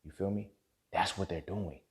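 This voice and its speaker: A man in his thirties giving a profane, impassioned monologue as a podcast host, swinging from low muttering to loud outbursts. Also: steady tone, moderate pace. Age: 30s.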